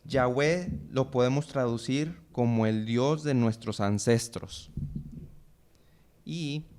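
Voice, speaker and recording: Man with a smooth voice explaining. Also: mid-range voice, slow, darkish tone. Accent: Mexican Spanish. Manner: explanatory, friendly, with many fillers and tag questions. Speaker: podcast co-host teaching Bible. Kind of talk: casual Bible teaching chat. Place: church podcast studio.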